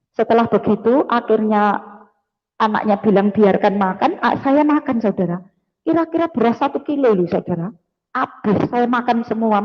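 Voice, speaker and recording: Woman telling a testimony in a big echoing hall, dull lo-fi sound. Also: a little high. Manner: earnest storytelling, addresses listeners as brothers and sisters; slips into Javanese words. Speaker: testimony speaker. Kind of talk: testimony to a congregation. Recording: dull lo-fi audio with long reverb.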